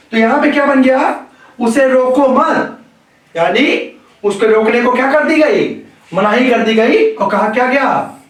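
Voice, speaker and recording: A man teaching grammar in a slow, deliberate lecture style, repeating key phrases for emphasis. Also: very high voice, distant mic. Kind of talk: classroom lecture. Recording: very echoey room, voice away from the mic.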